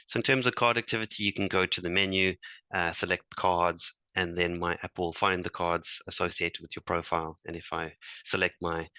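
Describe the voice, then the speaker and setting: A man presenting a software demo to fellow engineers, talking hesitantly with many fillers and restarts. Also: low-pitched, flat delivery, fairly quick, smooth, no room sound. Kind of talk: technical demo talk.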